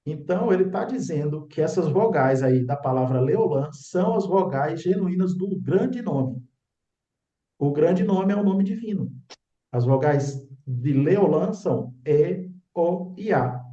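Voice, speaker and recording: A man's voice: a little high, animated, measured pace, mellow. A man explains slides as a religious teacher, insistent and often checking in with the listener. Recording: echoey room, dull lo-fi sound.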